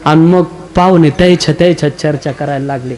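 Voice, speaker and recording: High-voiced man preaching a comic kirtan. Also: fairly quick, over music. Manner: jokey, addresses elderly women in the audience, acts out dialogue. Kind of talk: humorous kirtan sermon.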